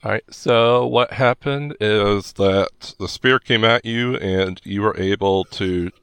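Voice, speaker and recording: Dude running a tabletop game, halting delivery, creaky lowish voice, dry sound. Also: male voice, fairly bright tone, dry recording. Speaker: game master.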